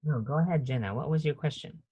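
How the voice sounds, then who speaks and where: A man's voice: a little high, quick pace, warm tone, lo-fi sound, slight background noise. Man teaching an online nursing class. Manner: conversational, restarts often, quizzes students. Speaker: nursing professor. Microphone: video call.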